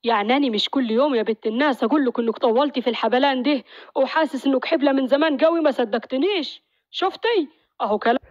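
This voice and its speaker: A woman voicing a gentle, teasing young village husband and father. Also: sits high, very fast, dry recording, dull audio. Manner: teasing, reassuring.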